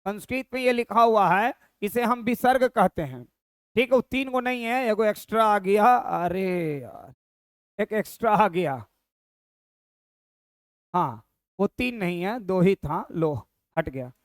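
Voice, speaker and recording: A male Sanskrit teacher talks through a screen-recorded lesson. He says each form twice and keeps asking the viewer what it reads as. His voice is smooth and clear, recorded dry and close. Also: sits high, animated, a little slow, pauses often, no room sound.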